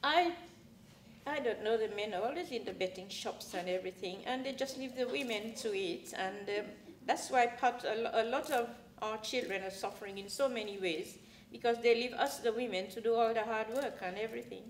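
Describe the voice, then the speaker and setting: A woman's voice: on the high side, a little fast. An older woman, a quadrille dancer, answering interview questions in an earnest, heartfelt way. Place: small studio with plain backdrop. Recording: roomy and distant, faint hiss.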